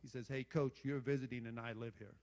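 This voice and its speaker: A man's voice: mid-range voice, steady tone, fairly quick, a little mellow. An older man, a former football coach, giving a rambling speech full of stories, blunt and salty, swearing and joking with the crowd.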